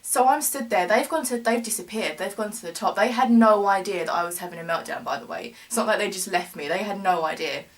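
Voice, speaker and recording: A woman's voice: medium pitch, fast talker, hardly any pauses. A young woman, recounting a story in a rambling vlog chat full of "like" and bursts of laughter. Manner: rambling, filler-heavy, laughs through the telling. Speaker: vlogger. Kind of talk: casual storytelling.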